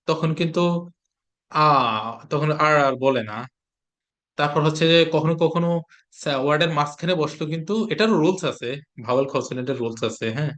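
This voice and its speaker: A man from Bangladesh teaching English pronunciation in an online class, repeating each sound and example word slowly. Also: a little high.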